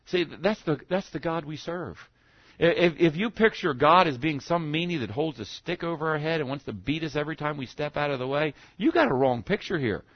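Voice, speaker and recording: A man's voice: a little high, animated, a little fast, no echo, dull audio. A man preaching a sermon in a conversational way, often checking in with his listeners with "okay?" and rhetorical questions, and stumbling over restarts now and then. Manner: stammering restarts. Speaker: pastor.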